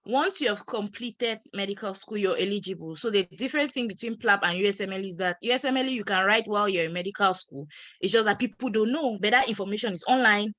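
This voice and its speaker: A woman doctor, giving emphatic, animated advice on a webinar over a video call. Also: mid-range voice, fast talker, dry recording. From Cameroon. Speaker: panelist doctor.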